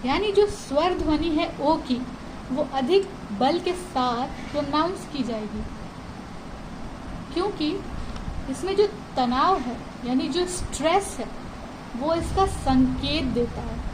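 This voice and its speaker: Woman, language teacher, deliberate explanatory lesson, mixes in English phrases, noisy recording. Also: sits high, expressive. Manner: slow and deliberate when reading English lines.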